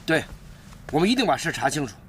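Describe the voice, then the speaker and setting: An actor playing a clownish young male disciple in a costume drama, comic and excitable. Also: fairly high pitch, fast, slight background noise. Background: drama score music.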